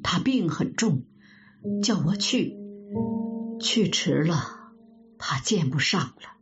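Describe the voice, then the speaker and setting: A woman voicing an anxious young nobleman speaking earnestly and respectfully to his aunt, in a lowered voice. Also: animated, slow pace. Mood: worried. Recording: dull audio with guitar music.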